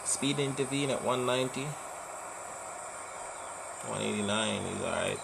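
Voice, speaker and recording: A man's voice: fairly low pitch, a little slow, gravelly. A man giving pilot procedure callouts and casual commentary on a flight simulator. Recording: loud cockpit noise behind the voice. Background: aircraft cabin and engine noise.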